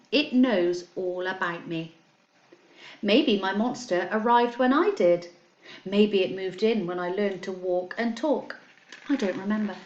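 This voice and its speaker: A primary school teacher with a medium-pitched voice reads a children's story aloud and talks to her pupils, explaining simply and stressing words expressively. The audio is dull, echoey and roomy, with slight background noise.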